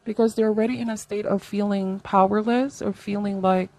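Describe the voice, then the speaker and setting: Reflective and advisory, a female tarot reader hosts a conversational reading for the viewer, regularly checking in with tags such as "okay" and "right." Her voice is medium in pitch and darkish, with fairly even intonation and a fairly quick pace, recorded with no room sound.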